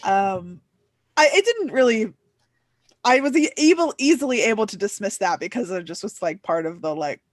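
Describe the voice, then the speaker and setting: A young woman hosts a casual book chat as a booktuber, chatty and full of "like" fillers, putting on playful voices when she quotes. Her medium-pitched voice has lively intonation and a moderate pace, recorded in clean studio sound with no room sound.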